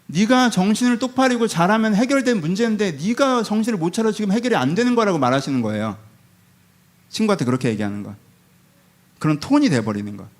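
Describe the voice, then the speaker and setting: A male pastor delivers a Sunday sermon in a casual, conversational manner. His voice sits a little high and swings widely in pitch, and he often acts out everyday family conversations. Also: expressive, fast talker. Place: church sanctuary.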